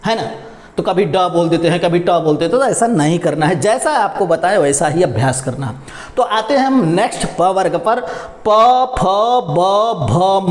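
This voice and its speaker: High-voiced man teaching pronunciation. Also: roomy sound. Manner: patient, repeats syllables and asks questions to the class; addresses viewers as "my dear children". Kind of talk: Hindi pronunciation lesson.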